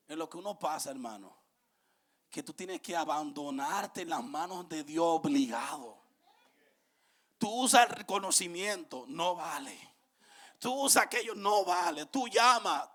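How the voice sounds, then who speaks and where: A man preaching a sermon as pastor, dropping to hushed murmurs and then building to shouted, sing-song climaxes. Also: fairly high pitch.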